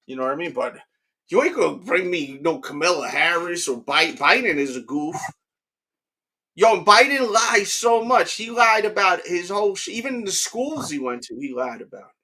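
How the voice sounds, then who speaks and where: A man's voice: high-pitched, lively intonation, normal speed, bright, forceful tone, slightly rough. A man hosting a casual chat, rambling with restarts and often asking "you know what I mean".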